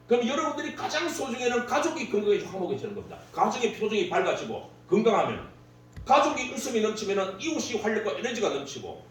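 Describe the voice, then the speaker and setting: Lively, jokey lecturer in an echoey hall. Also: male voice, high voice. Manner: jokey, laughs at own stories, lively delivery. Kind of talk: humorous workshop lecture. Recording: very echoey hall, distant mic, faint hum.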